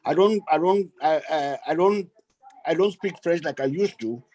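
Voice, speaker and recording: A man's voice: fairly high pitch, moderate pace, mellow, poor audio. A man from Cameroon speaking earnestly on a video call, often repeating his phrases for emphasis. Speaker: guest speaker. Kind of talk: online meeting remarks.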